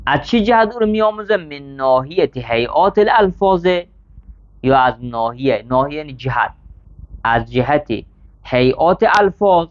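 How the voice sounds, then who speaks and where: His voice a little high and his intonation lively, a seminary teacher leads a classroom lesson, working through Arabic text line by line and checking on his students as he explains. The sound is dull and lo-fi.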